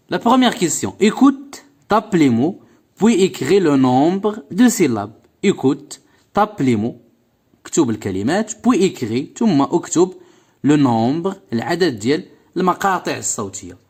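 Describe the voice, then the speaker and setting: A Moroccan man teaches young pupils at an unhurried pace, his fairly high voice rising and falling widely. He repeats every word several times, stretching out its syllables, and switches to Moroccan Arabic to explain. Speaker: primary school teacher.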